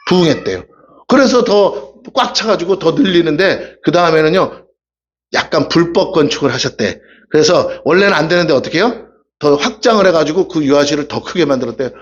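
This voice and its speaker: In a dull, lo-fi church recording, a man with a slightly high, expressive voice preaches briskly from the sanctuary. His sermon is chatty and funny, full of stories, questions for the congregation, and voices he acts out.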